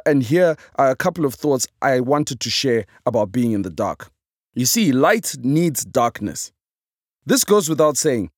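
A man's voice: mid-range voice, a little mellow, no echo, clean studio sound. A Zimbabwean man with a morning voice, reading a chapter of his own inspirational book in a reflective, preacher-like way. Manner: reflective, motivational, preacher-like cadence.

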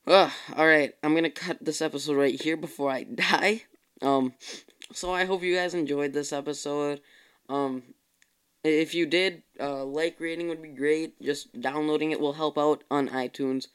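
Sounding worn out, the young host chats through his own relaxed podcast, wandering off track and fixing his words as he talks. His voice is slightly high for a man, smooth and clear, and he speaks alone, directly to his audience.

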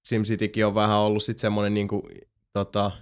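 A man co-hosting a casual gaming chat, relaxed and reflective, often murmuring agreement. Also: fairly low pitch, smooth. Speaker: podcast co-host.

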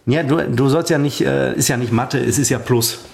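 A man's voice: mid-range voice, moderate pace, gravelly, a crowd in the background. A man co-hosting a podcast, running silly quiz games in playful banter with a mock-serious showman manner. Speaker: podcast co-host.

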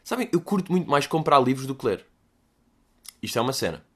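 A man's voice: mid-range voice, very animated, quick pace, fairly bright tone, breathy edge. A young man with a European Portuguese accent, hosting a podcast and chatting casually in a jokey, self-mocking way, with mock-dramatic asides. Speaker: podcast host. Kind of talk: casual solo chat answering listener questions.

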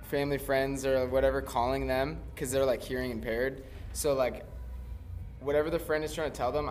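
A young man, a skateboarder, telling rambling stories in casual chat at a busy skate event. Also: medium pitch. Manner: animated, rambling storyteller. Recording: crowd noise behind. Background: crowd chatter.

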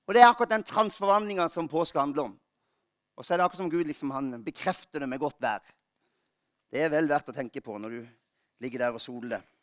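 A male pastor giving an Easter sermon, telling funny stories about himself with lively warmth. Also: high-pitched, no echo, clean studio sound. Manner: lively storytelling, self-mocking humor.

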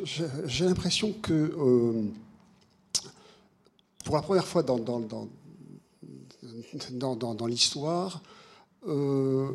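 A man in the audience taking the microphone, speaking haltingly with many repeated words. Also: fairly high pitch, husky. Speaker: audience member asking a question. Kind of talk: spontaneous question from the floor. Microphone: handheld microphone.

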